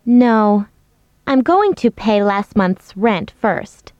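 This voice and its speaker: A young roommate in a language-course dialogue, voiced by a woman, clear and expressive. Her voice is fairly high and her pitch moves a lot. The recording is dry and a little muffled. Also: unhurried, no room sound. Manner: expressive, clear scripted delivery. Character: young woman roommate explaining unpaid bills.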